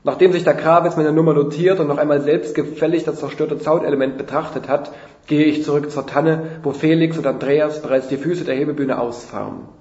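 Guy reading a funny story, kinda high voice, dry mock-drama, echoey dull recording. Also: fairly even intonation, fairly quick, darkish tone. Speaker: reader of a humorous story. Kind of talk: comic first-person story reading. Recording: roomy, dull lo-fi sound.

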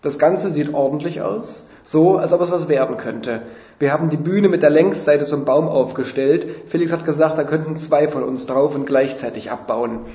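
A man with a mellow, somewhat high voice reads a funny first-person story aloud at normal speed, delivering it in a dry, mock-dramatic manner. The recording sounds roomy, dull and lo-fi.

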